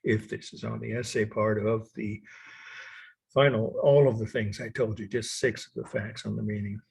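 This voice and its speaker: A man giving a college art history lecture, explaining patiently and slowly spelling out words for his students. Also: lowish voice, steady tone, vocal fry, a little mellow, breathy edge.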